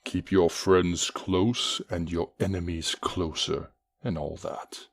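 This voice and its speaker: An actor playing a scheming villain uncle who speaks in a slow, measured, menacing way. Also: female voice, a bass voice, flat delivery, vocal fry, full character voice. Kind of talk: audio drama acting.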